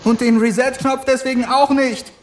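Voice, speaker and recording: A man voicing a spirited young woman companion in an audiobook, high and urgent. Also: flat delivery, moderate pace. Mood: frantic.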